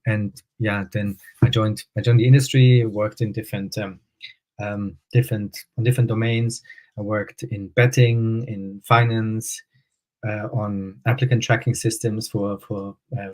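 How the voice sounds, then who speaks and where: A man's voice: on the low side, rough recording. A man talking casually as a guest author on a live stream, hesitant and full of fillers and restarts, joining remotely over a video call.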